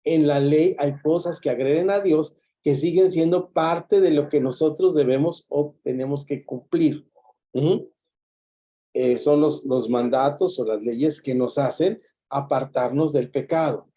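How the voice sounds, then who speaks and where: Mellow-voiced man teaching a Bible class. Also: on the high side, measured pace. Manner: explanatory, repeats key points and restarts words. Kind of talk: classroom lecture.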